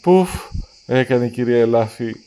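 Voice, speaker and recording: A man reading a children's storybook aloud, lively and acting out the characters' lines. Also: mid-range voice. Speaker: storybook reader.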